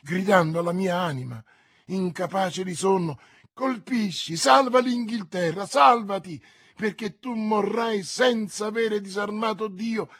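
A man's voice: fairly high pitch, measured pace, breathy edge, no room sound, studio quality. A man reading aloud, voicing a torn, zealous young puritan officer with a feverish, exalted delivery.

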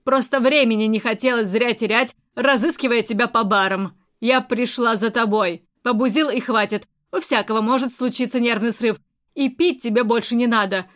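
A woman's voice: fairly high pitch, fairly even intonation, moderate pace, fairly bright tone, close to an everyday voice. A woman reading the part of a scornful, domineering aunt who mocks the people she talks to. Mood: mocking. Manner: mocking, scornful. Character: sharp-tongued older aunt, mocking and domineering.

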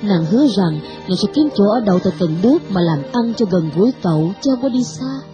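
A woman reading a novel aloud with expressive storytelling. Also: mid-range voice, fairly quick, over music, rough recording. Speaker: narrator. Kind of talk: audiobook narration of a novel.

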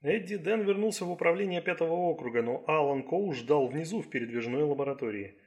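A man reading an audiobook in a steady, even scripted narration. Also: a little high, quick pace.

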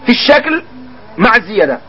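High-voiced Moroccan man teaching grammar. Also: very animated, a bit bright, slightly rough, highs cut off. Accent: Moroccan Arabic. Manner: asks students questions and repeats words slowly. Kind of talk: classroom grammar lesson.

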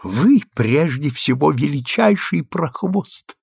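A breathless, exalted society lady gushes in high, swooping tones, as a man reading the story puts her on. Her theatrical speech leaps wildly in pitch, with a gravelly edge left in the voice. The recording is dry and close. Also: expressive, slow, darkish tone, no echo, full character voice.

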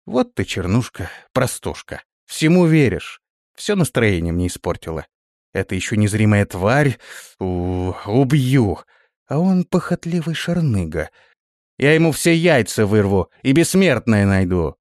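A man's voice: on the low side, very animated, measured pace, a little mellow, no room sound, clean studio sound. A man voicing a fierce, jealous fanged young woman. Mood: indignant. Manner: fierce, bossy, threatening.

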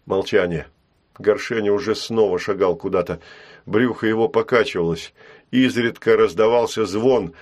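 Man, audiobook narrator, lowish voice, steady and measured reading.

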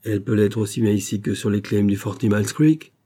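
A man reading an audiobook and voicing a composed companion who answers with crisp retorts. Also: on the low side, fairly even intonation, a little fast, dark tone. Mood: retorting.

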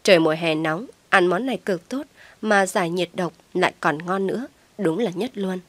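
A woman narrating a dramatic story in a steady, even read. Her voice sits on the low side, and the recording is dry and close, with no room around it. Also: normal speed, dry recording. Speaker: audiobook narrator.

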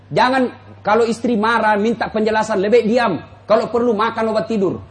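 A man preaching a humorous sermon to a live audience, addressing them directly and acting out quotes with big jumps in pitch. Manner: jokes, addresses listeners directly. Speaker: Islamic preacher.

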